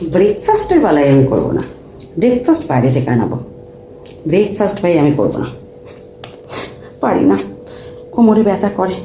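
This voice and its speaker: Soft-spoken woman vlogging at home. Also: lowish voice, big pitch swings, fast talker. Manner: speaks softly at night so as not to wake family. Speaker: vlogger, mother of two daughters. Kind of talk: casual home vlog chat. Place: home, bedroom and kitchen. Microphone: handheld phone. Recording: echoey room with noise.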